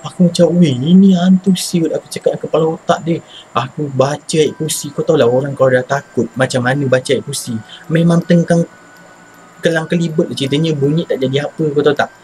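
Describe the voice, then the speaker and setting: Malaysian man, casual ghost-story teller, fast and slangy, acts out his own shouts. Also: fairly high pitch, steady tone, slight background noise, rough recording. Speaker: channel host telling a personal ghost story.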